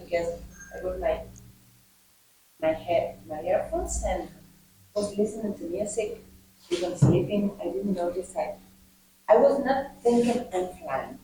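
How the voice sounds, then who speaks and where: A woman taking part in a casual group talk, speaking haltingly as she searches for her words. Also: medium pitch, dark tone, slight background noise. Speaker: workshop participant. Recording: very echoey room, far from mic.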